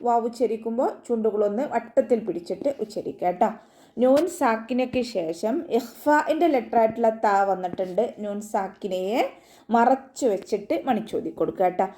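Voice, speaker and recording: Brief: woman recitation teacher, a little high-pitched and mellow, patient and methodical in her explanations. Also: brisk. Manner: patient, step-by-step instruction with frequent tag questions. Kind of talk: online recitation lesson.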